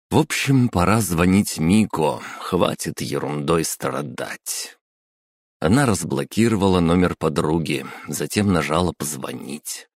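Male audiobook narrator, low, lively inflection, dry close sound. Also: husky, dry recording. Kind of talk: scripted narration.

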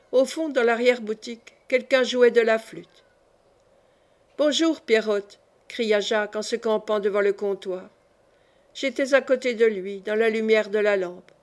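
A woman narrating a classic novel as an audiobook in a measured, even way. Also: a little high. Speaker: audiobook reader.

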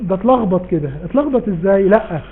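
A man's voice: high-pitched, animated, fast, husky. A man with an Egyptian Arabic accent teaching Quran recitation rules in a live online class, explaining patiently and answering his own questions. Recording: tinny phone-like line with faint background noise.

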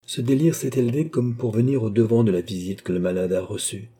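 Kindly court doctor, dark husky tone, musing then exasperated, read by a man. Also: lowish voice, steady tone, brisk.

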